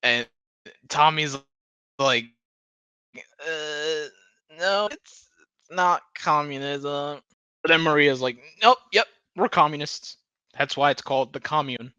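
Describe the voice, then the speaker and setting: Pitched fairly high, he speaks slowly with frequent pauses, his tone sharp, clear and resonant, on a dry, lo-fi recording. He's a video commentator doing a sweary, casual rant recapping a TV episode, chuckling through his words and mocking the dialogue he quotes by performing it.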